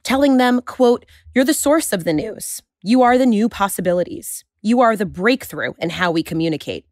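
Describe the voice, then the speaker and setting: A woman's voice: mid-range voice, animated, normal speed, darkish tone, dry recording, clean studio sound. A woman hosting an interview and narrating the report, asking questions in a conversational way. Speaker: host and narrator.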